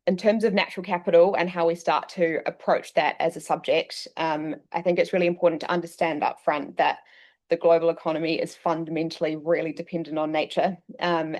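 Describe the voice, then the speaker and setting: A woman from New Zealand giving a presentation to a room full of people. Her voice sits slightly low. She explains in a steady, measured way, filling pauses with ums. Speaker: session co-host presenting. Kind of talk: presentation talk. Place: meeting room with an audience.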